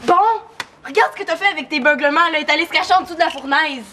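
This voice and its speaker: A woman's voice: sits high, racing, very noisy, natural voice. An actress playing a bossy young woman in a TV series, speaking with a Québécois accent and scolding in an exasperated way. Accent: Québécois French. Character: bossy young woman who fusses over her pet mouse. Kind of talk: TV series acting.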